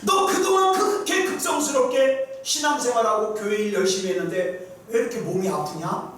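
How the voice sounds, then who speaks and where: A man's voice: very high voice, moderate pace, fairly bright tone, faint music behind. A man acting out a scornful male devil who mocks a pilgrim and plants doubts, heard in an echoey room from a distant mic. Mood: taunting. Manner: mocking, scornful taunts. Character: sneering male devil whispering doubts, taunting. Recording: echoey sanctuary, mic far off.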